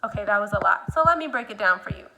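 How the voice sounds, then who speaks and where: Against a noisy background, a woman with an animated, creaky mid-range voice runs a speech sound lesson. She exaggerates her model slowly and guides the learner step by step through simple prompts.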